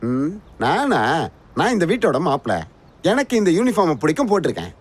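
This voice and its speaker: Brief: a cheeky, evasive film joker with a high voice. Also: male voice, very animated, brisk, breathy edge. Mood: teasing. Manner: mocking, slippery answers. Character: cheeky evasive man at the gate, joking. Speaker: dubbing actor. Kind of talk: dubbed film acting.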